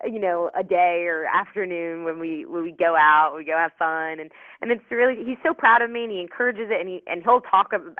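A woman's voice: low-pitched, no room sound. A woman in her twenties, a psychic medium guest on a radio show, talking over the phone in a bubbly, rambling way with lots of fillers. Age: 20s. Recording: tinny phone line, dry.

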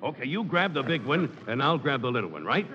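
A man's voice: mid-range voice, very animated, fast, a crowd in the background, close to an everyday voice. A man playing an eager, girl-chasing sailor on leave in 1940s radio sketch comedy. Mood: eager, scheming. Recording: dull old radio hall recording.

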